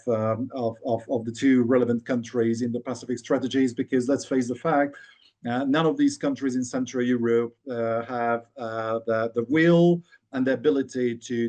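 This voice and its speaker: A man from Hungary giving measured, academic commentary as a discussant on a webinar panel, joining by video call. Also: medium pitch, darkish tone. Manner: measured, academic, with frequent restarts. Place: Budapest, remote video call.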